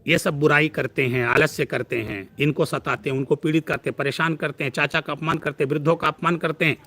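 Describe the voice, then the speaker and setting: A male astrologer speaks on a live stream, earnest and preachy. His voice sits a little high for a man. He piles up long runs of words and repeats his advice to press it home. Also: fairly even intonation, fast talker, bright, forceful tone.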